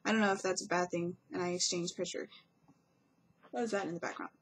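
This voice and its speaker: A woman's voice: fairly low pitch, steady tone, fast talker, slightly rough. A young woman vlogging casually, rambling through a story with lots of fillers and self-corrections, acting out what people said.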